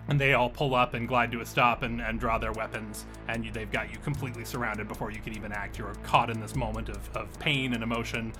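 A man narrating a tabletop role-playing game as game master, relaxed and often repeating words as he goes. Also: mid-range voice, quick pace, few pauses, over music.

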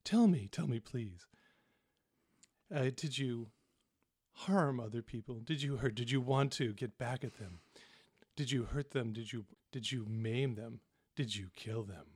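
A man's voice: mid-range voice, measured pace, long pauses, a little mellow, slightly rough, no echo, studio quality. A man voicing a cruel older male shapeshifting ambassador with a sing-song, lulling voice, smirking and coaxing. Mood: coaxing, gleeful. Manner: smirking, coaxing, gleeful about harm.

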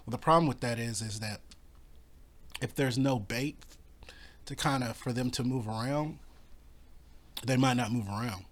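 Man, pest control owner, hoarse and coughing, halting delivery, fillers and restarts. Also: medium pitch. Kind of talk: casual informational talk.

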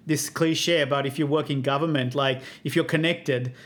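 Guest, man in his thirties, animated raconteur with a slightly high voice who swears a lot. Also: normal speed. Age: 30s. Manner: animated storyteller, swears freely, acts out both sides of calls. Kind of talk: casual chat.

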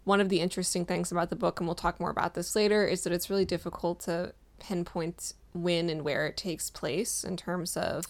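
A woman's voice: on the low side, little pitch movement, a little fast, few pauses. A woman writer co-hosting a book podcast, chatting casually, enthusiastic and informative. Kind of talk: casual chat.

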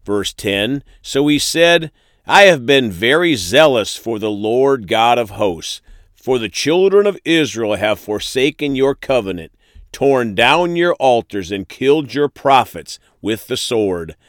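A man's voice: medium pitch, animated, unhurried, no room sound, studio quality. A man preaching a sermon, reading scripture verses aloud and then speaking to his listeners as friends and folks.

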